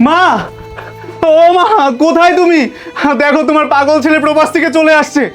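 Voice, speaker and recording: Young man playing a desperate son, pleading, wailing, very high-pitched, soft music underneath. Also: level tone, normal speed. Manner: pleading, wailing, repeating himself. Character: distraught young son, frantically searching for his dead mother. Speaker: actor in a short drama. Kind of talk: melodramatic drama acting.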